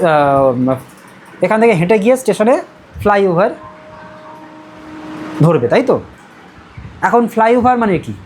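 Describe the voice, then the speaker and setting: A woman's voice: medium pitch, darkish tone, rough recording. Woman, Medinipur Bengali accent, classroom English teacher, patient step-by-step explainer, faint noise behind. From Medinipur, West Bengal. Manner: explains step by step, keeps checking in with students. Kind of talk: classroom lesson.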